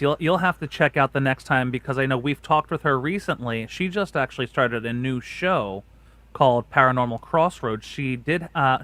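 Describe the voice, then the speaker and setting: A man's voice: mid-range voice, fairly bright tone, no room sound. A man co-hosting a chat, rambling through plugs and upcoming guests with many fillers. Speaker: podcast co-host. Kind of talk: casual chat with channel plugs.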